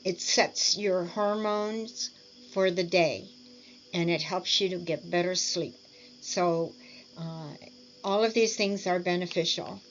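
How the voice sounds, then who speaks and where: A woman teaching speech and swallowing exercises, over-articulating practice words and clearing her throat often. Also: lowish voice, fairly even intonation, lo-fi sound, slight background noise. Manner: deliberate, over-articulated word drills with frequent throat clearing. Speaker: speech therapy instructor. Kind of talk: slow instructional walkthrough.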